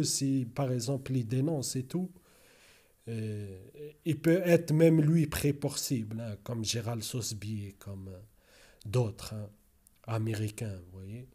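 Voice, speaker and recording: A slow-speaking YouTuber with a dark, mellow, mid-range voice talks casually to his viewers in French, which is not his first language. His monologue rambles and repeats itself, with "vous voyez" coming up often, and he hesitates constantly, filling pauses and restarting as he hunts for words.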